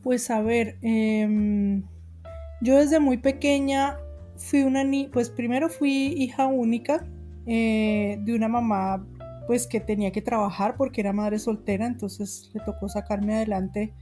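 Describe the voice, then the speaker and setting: A Colombian woman in her forties with a Bogotá accent speaks as a guest writer in a casual interview. Her voice is fairly high and mellow with fairly even intonation, unhurried, with faint music behind. She's chatty, laughing often and using lots of fillers.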